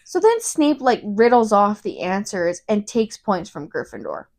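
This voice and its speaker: A woman co-hosting a casual book review chat, retelling the story in an animated way and saying "like" constantly. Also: medium pitch, a little slow. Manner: animated retelling, heavy use of "like". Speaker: podcast co-host.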